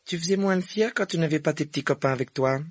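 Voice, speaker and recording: A man's voice: on the high side, fast talker, no echo, studio quality, voice pushed up, lightly acted. A man voicing an earnest young schoolboy wizard.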